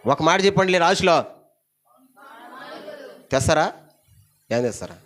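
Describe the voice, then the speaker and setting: Pastor preaching, pitch climbing to shouts. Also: male voice, expressive, unhurried. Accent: Telugu. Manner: calls the congregation to repeat and shout, pitch climbing loud. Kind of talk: sermon. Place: church hall.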